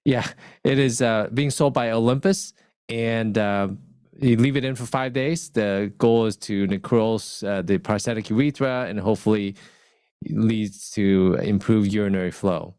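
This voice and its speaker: A man in casual technical chat as a urology co-host, pausing often with "uh", over a crackling microphone that cuts in and out. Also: on the low side, darkish tone, clean tone, no echo, clean studio sound. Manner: halting, with many "uh" pauses. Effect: crackling microphone cutting in and out.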